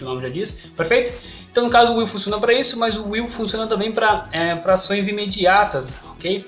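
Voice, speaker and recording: A man's voice: high voice, a bit bright. A man giving an online English lesson, who keeps checking in with "ok?" and "perfeito?". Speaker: English teacher.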